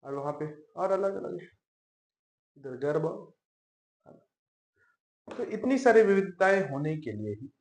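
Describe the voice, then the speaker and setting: A man gives a classroom lecture in an easy, conversational way. He keeps checking in with his students through quick questions. His voice sits a little high and rings in a roomy, echoey space. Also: lively intonation, a little mellow. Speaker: teacher. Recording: echoey room.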